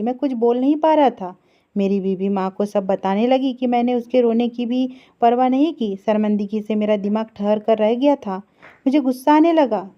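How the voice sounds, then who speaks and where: A woman reading an emotional story aloud in a steady, earnest narration. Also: a little high. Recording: dull lo-fi recording.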